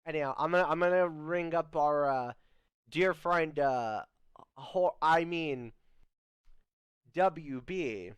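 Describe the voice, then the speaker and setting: A man's voice: a little high, takes it slowly, long pauses, clean tone, no echo, highs cut off. A young man hosting a comedy podcast skit who stammers, restarts his sentences and slips in puns. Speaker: host.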